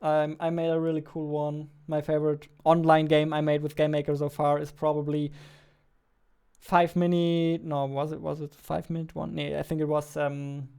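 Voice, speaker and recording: This higher-pitched young man in his 20s has a crisp, dark-toned voice, keeping a level tone at normal speed. An indie game developer, he chats casually on a livestream while working, speaking into a close studio mic on a boom arm in a small indoor home studio.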